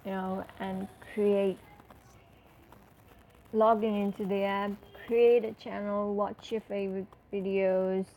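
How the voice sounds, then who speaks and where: A woman's voice: medium pitch, level tone, takes it slowly, mellow, slight background noise, poor audio. A woman talking through an app tutorial as a casual voice-over, chatty and full of fillers as she walks through each step. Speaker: tutorial presenter.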